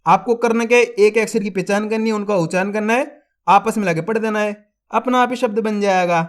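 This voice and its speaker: A man teaching Hindi reading, sounding out syllables slowly and saying each joined word louder, then explaining more quickly to his viewers. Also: high voice. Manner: slow drawn-out syllables, louder when joining a word; speaks quicker and softer when explaining. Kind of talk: online reading lesson.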